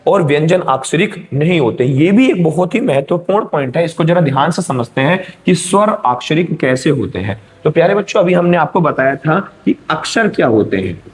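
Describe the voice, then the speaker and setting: A man's voice: fairly high pitch, expressive, a little fast, few pauses, a little hiss or hum. A male teacher giving an exam-prep grammar lesson, explaining step by step and checking in with his students.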